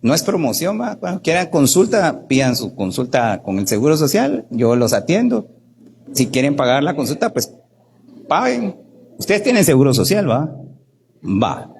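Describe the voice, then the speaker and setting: A man, a doctor, giving an animated workshop talk in Guatemalan Spanish, often asking "¿verdad?" and acting out the people he quotes. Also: a little high, moderate pace, creaky, slight background noise.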